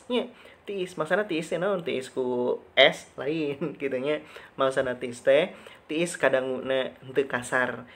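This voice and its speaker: A male teacher talks through a recorded slide lesson at a middling pitch. He poses a question, then answers it himself, drawing out the important words and saying them twice. It has the patient rhythm of someone explaining to a class he cannot see. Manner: stretches key words and repeats them for emphasis.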